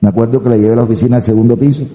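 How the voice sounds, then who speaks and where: Male pastor preaching, acts out the people in his stories, really mellow dark voice, roomy echo. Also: mid-range voice, racing. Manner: animated storytelling, acting out quoted voices. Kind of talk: sermon. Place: church sanctuary.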